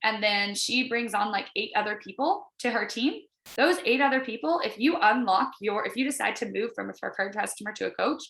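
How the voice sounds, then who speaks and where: This wellness sales coach talks to a group by video call in a bright, forward, expressive voice, brisk and with few pauses, showing some vocal fry. Her informal pitch is chatty and encouraging, and she leans heavily on her points. Echo gives the recording a roomy sound.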